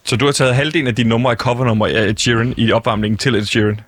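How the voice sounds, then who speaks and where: A young male co-host asks questions with a deadpan, mock-serious touch in an even middle voice. The recording is dry and close, with no room sound around him. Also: medium pitch, no room sound. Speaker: comedy co-host. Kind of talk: improvised comedy chat.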